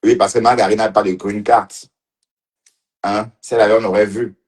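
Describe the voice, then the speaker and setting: A man with a lowish voice and flat delivery talks a little fast as an online commentator on a casual livestream. He teases and mocks, laughs often, and repeats phrases.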